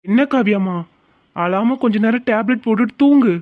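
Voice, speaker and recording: A performer voicing a steady, kind young man who is a police officer in a cartoon. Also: mid-range voice, a little fast, natural voice. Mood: calm. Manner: reassuring, calm. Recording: tinny phone-like sound.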